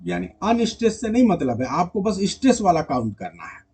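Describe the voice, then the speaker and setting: A slightly high, husky male voice teaching an exam-prep lesson. He explains each point step by step, checks in with the class often, and switches into English for definitions. The delivery is patient and methodical. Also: sing-song, a little fast, a little mellow. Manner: mixes English terms and read-out definitions into Hindi.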